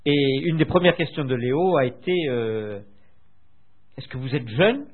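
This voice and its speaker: An older French man being interviewed, recalling his past in a hesitant way with many filler pauses, heard over a tinny phone line. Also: medium pitch, expressive. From France. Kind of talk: recounting memories in conversation.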